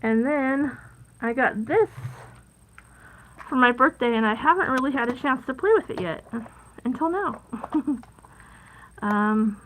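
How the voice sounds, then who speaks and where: A woman hosting a casual live crafting stream, chatty and rambling, with plenty of fillers and soft asides at her craft table. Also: sits high, expressive, measured pace, pauses often, a little hiss or hum, rough recording. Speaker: crafting livestream host.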